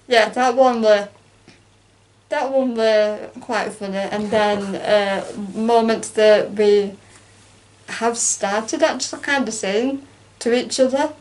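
A young woman, talking in a bright, slightly high voice. She chats about a film with lively energy and slips into quick impressions of its characters. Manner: chatty and animated, acts out quotes with laughs. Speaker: co-host. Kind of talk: casual chat reviewing a film.

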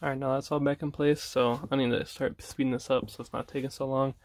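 A young man casually showing off his manga collection, rambling with fillers and soft laughs. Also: mid-range voice, level tone, quick pace.

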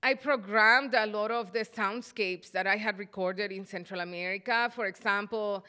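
A middle-aged woman from El Salvador lectures at a podium microphone in a hall. Her voice is bright and smooth. She speaks thoughtfully, pausing often with fillers. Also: medium pitch. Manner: thoughtful, halting with frequent fillers. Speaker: artist giving a lecture. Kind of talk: lecture presentation.

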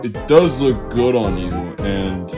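A man's voice: on the low side, expressive, slow pace, over music, pitched below the performer's own voice. A man voicing a nervous, easily confused newcomer bear plush in a homemade plush show. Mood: puzzled.

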